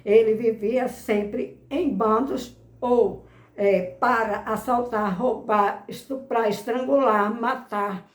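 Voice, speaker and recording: A woman with a Brazilian Portuguese accent giving a history talk, pausing often with fillers and restarting her sentences. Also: fairly high pitch, fairly even intonation, reverberant. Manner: hesitant, many fillers and restarts. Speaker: history commentator.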